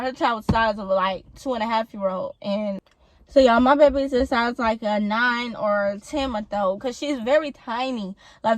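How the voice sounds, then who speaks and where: A young woman with a high, bright voice tells a storytime straight to her viewers. She sounds animated and indignant and fills her talk with "like." The recording is close and dry, with no room echo. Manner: animated, indignant, fast-talking with many "like" fillers. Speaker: vlogger telling a storytime. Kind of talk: casual storytime addressed to viewers.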